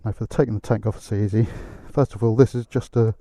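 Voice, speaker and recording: A man presents a casual how-to in a very dark, muffled voice, as if sealed inside the motorcycle helmet he is wearing. The sound is close and dry, with his explanations given step by step as he works. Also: lowish voice, fairly even intonation, fast talker, gravelly, no room sound. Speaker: motorcycle repair video presenter. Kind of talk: casual hands-on tutorial commentary.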